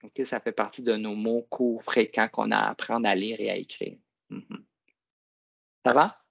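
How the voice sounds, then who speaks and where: Gravelly man teaching phonics. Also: lowish voice, fairly even intonation, fairly bright tone, dull audio. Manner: coaxing, slow teacher voice stretching key words. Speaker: teacher trainer. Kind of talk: classroom reading demonstration.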